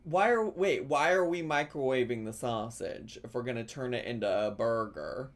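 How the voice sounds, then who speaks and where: A man in his thirties gives casual comedic reaction commentary, sounding mocking, expressive and incredulous. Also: mid-range voice, moderate pace. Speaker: streamer reacting to videos. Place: small indoor room, streaming on camera.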